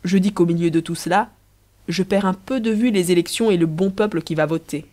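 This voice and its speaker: A woman voicing a playful, scheming young empress who speaks in a lively, persuasive, teasing way. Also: fairly low pitch, fairly quick, natural voice.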